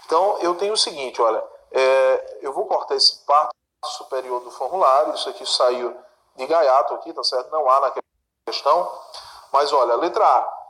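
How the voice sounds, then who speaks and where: A man's voice: medium pitch, normal speed, fairly bright tone. A male teacher walks through exam questions step by step, asking questions and then answering them himself. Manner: asks and answers his own questions, checks in with the listener. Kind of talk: recorded exam-prep lesson. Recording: echoey room.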